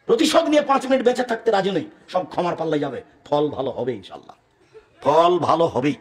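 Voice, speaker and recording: A man from Bangladesh preaching an emotional sermon, speaking hard and forcefully, with Arabic recitation and rhetorical questions to the crowd. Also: a little high, expressive, fast talker. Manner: forceful, hard-spoken delivery. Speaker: Islamic preacher.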